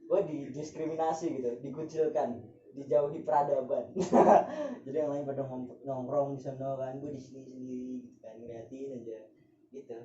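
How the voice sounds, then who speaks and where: Speaking at a moderate pace in a mellow mid-range voice, a young man from Java, Indonesia, chats as a guest, joking in slang, laughing, and occasionally singing. There's slight background noise, and the room sounds echoey, dull, and far off.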